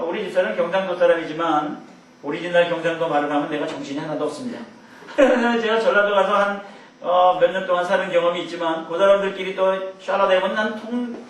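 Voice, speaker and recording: A middle-aged man leads a Bible lecture in an easy, rambling way, chuckling through asides and mimicking quick shouts. His voice sits fairly high. He sounds distant from the mic in a booming, echoey room with a faint hum of ambience. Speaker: Bible teacher.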